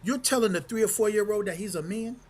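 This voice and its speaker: A man who organizes a men's round table speaks on a casual panel, his voice pitched a little high. He talks earnestly and poses questions to the others. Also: fast.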